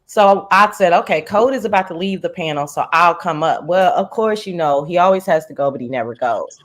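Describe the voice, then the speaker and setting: Speaking briskly in a lowish voice, a female livestream host dishes gossip casually, full of slang and profanity. She's animated and frequently wanders into tangents.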